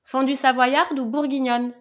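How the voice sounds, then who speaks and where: A woman's voice: high voice, flat delivery, moderate pace, a bit bright. A woman hosting a podcast, chatting casually and playfully with a guest and laughing often. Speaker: podcast host.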